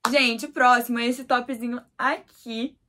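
A woman's voice: a little high, fairly even intonation, a little slow, bright, forceful tone. A young Brazilian woman, shivering from the cold, gushing over clothes in a casual haul vlog and repeating words for emphasis. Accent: Brazilian Portuguese. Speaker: fashion vlogger.

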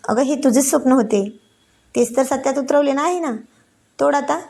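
A woman's voice: high-pitched, moderate pace, gravelly, mellow. A woman reading a stern but fond young husband. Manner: scolding.

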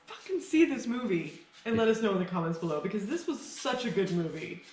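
A woman's voice: medium pitch, lively intonation, fairly quick, darkish tone. A tipsy woman in her thirties chatting casually and swearing freely as she co-hosts a film review, gushing and repeating herself for emphasis. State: tipsy, a little drunk. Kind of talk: casual, sweary couple chat about films. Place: open living and dining room at home. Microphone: camera mic a little way off on the table. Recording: roomy, distant mic, some background noise.

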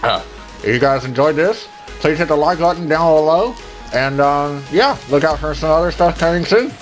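A man in his thirties giving casual, halting commentary as host of a gaming challenge video, with exclamations and muttered asides. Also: a little high, rough recording. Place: small room indoors. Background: music.

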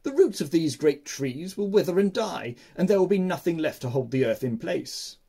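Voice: mid-range voice, animated, moderate pace, mellow, breathy edge, pitched above the performer's own voice. A storyteller voicing a chattering troop of monkeys in a storybook. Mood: worried.

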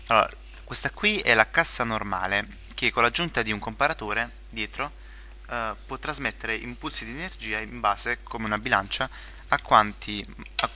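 A man's voice: lowish voice, background noise. A young man giving casual gameplay commentary, rambling with many fillers, restarts and joking asides. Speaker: gaming video creator.

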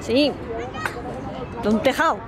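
A woman's voice: high voice, slow pace, over a noisy crowd, heavy background noise. A woman, chatting to a handheld camera in a family vlog, laughing often. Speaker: family vlogger. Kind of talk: casual vlog chat. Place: car and home. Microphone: handheld camera at arm's length.

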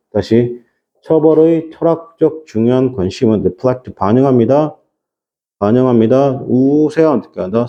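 Middle-aged male teacher, classroom lecture, rhetorical-question habit, mellow tone. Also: mid-range voice, muffled recording. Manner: repeats rhetorical questions to students. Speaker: high school English teacher.

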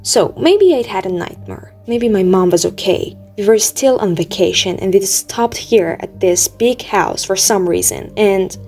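A woman reading an audiobook aloud in a steady, measured storytelling manner. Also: medium pitch. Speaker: audiobook reader. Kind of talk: audiobook narration. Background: faint music.

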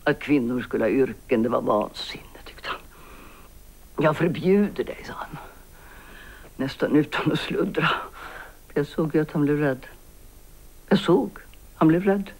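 An actress in her sixties playing a guilt-ridden older woman writer who makes a hushed, halting, often whispered confession in a TV drama. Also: sits low, breathy edge. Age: 60s. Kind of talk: 1990s Swedish TV drama acting.

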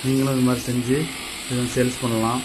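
Slightly fast, level and medium-pitched, a Tamil Nadu carpenter shows viewers of his channel how to build a tool one step at a time. The delivery is casual and plain with lots of repetition, against a noisy background.

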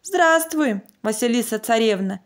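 A woman's voice: a little high, animated, measured pace. A woman voicing a humble, polite young male archer in a fairy tale. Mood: welcoming. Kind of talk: storybook narration in character.

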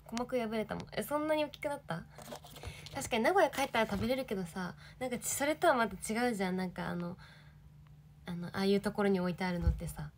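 A woman's voice: mid-range voice, quick pace, slight background noise. A young woman in her twenties, an idol livestreaming, chatting casually and reading viewer comments with giggly, bubbly energy.

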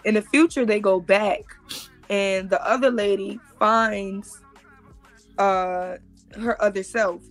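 Slow and steady, pausing often, a woman in her thirties speaks in a mid-range voice as a guest joining a live stream by video call. She explains emphatically and repeats herself frequently, with soft background music.

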